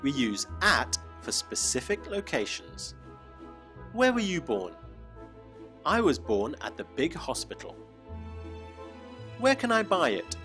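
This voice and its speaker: Lively, teacherly male lesson host. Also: fairly high pitch, faint music behind. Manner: clear teacherly, slow for examples. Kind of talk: scripted narration, English lesson.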